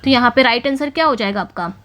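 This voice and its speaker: High-voiced woman teaching English literature. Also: a bit bright, slight background noise. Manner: explains in Hindi, reads English questions slowly. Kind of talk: exam-prep lecture.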